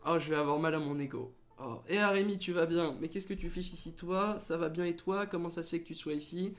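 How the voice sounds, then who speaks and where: A man's voice: a little high, fairly even intonation, fairly quick, soft background music. Sarcastic young man doing game commentary. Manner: sarcastic, joking asides, reads game text aloud. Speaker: let's play host. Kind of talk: casual gaming commentary.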